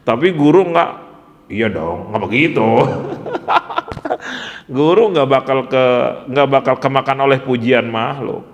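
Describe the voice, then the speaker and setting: A man teaching a religious study session, telling stories in an animated way, acting out the voices and often laughing. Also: fairly low pitch, gravelly, slight background noise. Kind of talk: storytelling sermon. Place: pesantren prayer hall. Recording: echoey hall.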